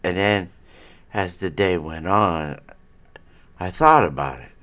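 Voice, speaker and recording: With a deep, fairly bright voice and a slow pace, a middle-aged man runs a relaxed home live stream. He rambles while talking with viewers, and his nose sounds stuffy.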